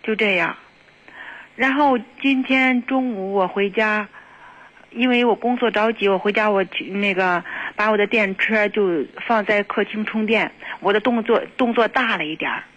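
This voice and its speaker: A woman calling an advice show, talking in a halting, upset way with many restarts. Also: mid-range voice, a bit bright. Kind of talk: emotional phone call. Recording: dull lo-fi phone line.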